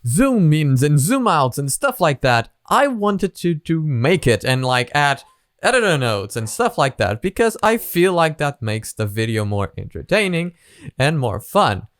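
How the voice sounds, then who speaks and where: A man's voice: fairly high pitch, sing-song, unhurried, no echo, studio quality. Chatty man hosting a reaction video. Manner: chatty, rambling, with many fillers. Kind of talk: casual reaction commentary.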